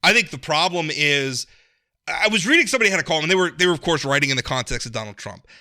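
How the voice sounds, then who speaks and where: Male commentator, casual political chat, very bright forceful tone, emphatic delivery. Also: a little high, animated, fast talker.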